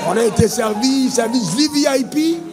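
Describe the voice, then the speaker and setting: A man's voice: very high voice, normal speed, a crowd in the background. A man from Côte d'Ivoire preaching a sermon as a pastor, emphatic, telling stories and calling on the congregation for amens. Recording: long reverb with faint music.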